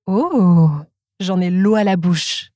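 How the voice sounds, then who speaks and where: A woman voicing a greedy, hot-tempered tiger in a children's storybook reading, in a gruff, demanding way. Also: fairly low pitch, slow, dark tone, no echo, clean studio sound.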